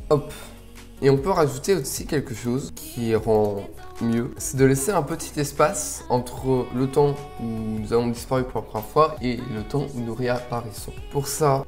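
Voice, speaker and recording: A man hosting a casual software tutorial, relaxed and a little rambling as he explains each step. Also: mid-range voice. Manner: relaxed, chatty, slightly rambling. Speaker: video tutorial host.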